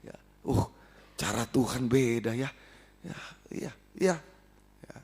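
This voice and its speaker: A man's voice: medium pitch, animated, slow, darkish tone, husky. A man preaching as pastor, repeating his points and mixing exhortation with playful asides. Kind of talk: sermon. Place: church.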